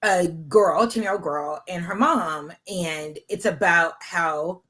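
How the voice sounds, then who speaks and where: A woman's voice: fairly low pitch, takes it slowly, fairly bright tone, rough recording. A woman hosting a casual chat, telling candid, self-mocking stories. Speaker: podcast host.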